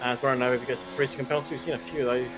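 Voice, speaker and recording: Male motorsport commentator over loud engine noise. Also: medium pitch, flat delivery, very fast. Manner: reactive, repeats phrases for emphasis. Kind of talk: live motorsport commentary of an online race.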